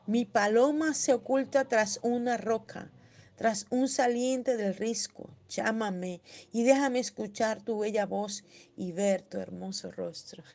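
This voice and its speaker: A woman preaching a devotional sermon in a tender tone, slowing on scripture and crying out when she voices pleas. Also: medium pitch. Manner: tender, rising to loud cries when voicing pleas.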